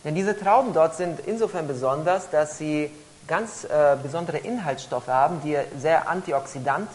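A woman interpreting a talk phrase by phrase, often pausing and hesitating as she searches for words. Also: sits low, lively intonation, a little mellow, poor audio. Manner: frequent hesitations while rendering each phrase. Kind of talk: consecutive interpreting into German.

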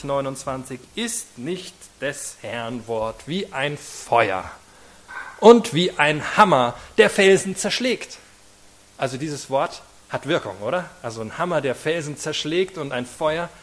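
A man delivering a church sermon with strong emphasis, his voice sitting a little high for a man. He swings between loud, stressed words and quiet, drawn-out phrases, often checking in with the congregation through short rhetorical questions. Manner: emphatic, varying loudness, slows on key phrases, asks the congregation "oder?". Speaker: preacher.

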